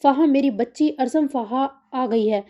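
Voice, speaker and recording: A woman's voice: high-pitched, warm tone, natural voice. A woman reading the lines of a distressed middle-aged aunt who pleads anxiously, in an audiobook story. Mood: tearful.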